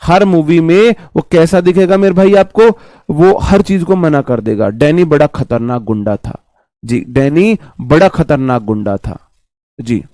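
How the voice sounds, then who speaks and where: Hoarse male teacher, sore throat. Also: on the high side, animated, measured pace, warm tone, no room sound. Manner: chatty, repeats himself, calls students "bhai". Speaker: exam coaching teacher. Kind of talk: online vocabulary class. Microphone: mic placed close.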